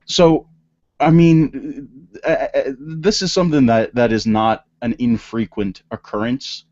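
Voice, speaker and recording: A man's voice: medium pitch, fairly even intonation, a little slow, a little mellow, no echo. A man hosting a political podcast, talking in a rambling way with many stammered restarts. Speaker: podcast host. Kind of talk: casual political podcast chat. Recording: dry, dull lo-fi sound.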